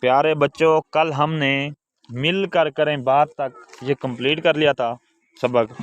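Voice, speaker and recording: A man's voice: on the high side, fairly even intonation, unhurried, dull audio. A man teaching a recorded lesson to young children, patient, repeating key words and asking quiz questions.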